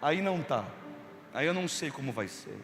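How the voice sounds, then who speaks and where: A man with a Brazilian Portuguese accent, a bishop preaching a sermon, telling stories with sudden swings from hushed to loud. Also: a little high, sing-song, moderate pace, big-room sound, music in the background. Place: large church.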